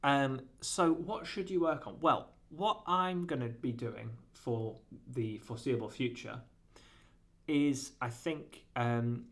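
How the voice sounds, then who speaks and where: Guy talking through a guitar lesson, lots of ums and restarts, mid-pitched voice. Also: slow pace. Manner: rambling, self-correcting, hesitant with fillers. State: has the hiccups. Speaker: guitar teacher. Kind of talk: casual spoken lesson.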